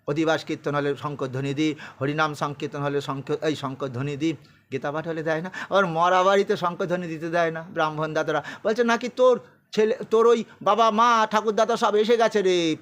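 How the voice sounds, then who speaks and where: A man's voice: sits high, fairly bright tone. A man preaching a sermon, explaining scripture and often asking the audience questions.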